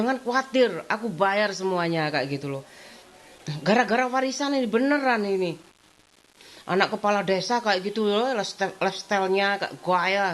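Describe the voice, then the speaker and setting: A chatty woman talks to her vlog viewers at an ordinary middle pitch. She rambles from point to point and keeps returning to the same fillers. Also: a bit bright. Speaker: vlogger. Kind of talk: casual chat.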